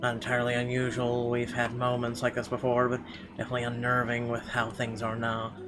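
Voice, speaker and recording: A man doing a let's play of a visual novel reads its text aloud with expression and adds casual remarks. His medium-pitched voice is monotone and a little fast, with guitar game music playing behind him.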